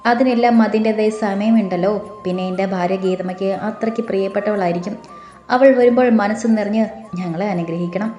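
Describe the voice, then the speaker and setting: A woman voicing a calm, quietly confident young man who plays the protective big brother in an audio story. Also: medium pitch, fairly quick, natural voice. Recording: roomy with faint music.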